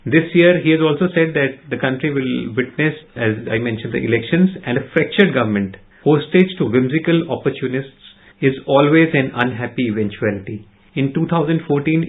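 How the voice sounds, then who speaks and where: A man with an Indian accent presenting in a news discussion, summarising a speech in a measured, explanatory way. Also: mid-range voice, phone-quality sound.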